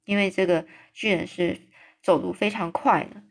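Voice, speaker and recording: A woman's voice: lowish voice, fairly even intonation, moderate pace. A woman reading a children's storybook aloud, stopping for unscripted asides, restarts and little explanations.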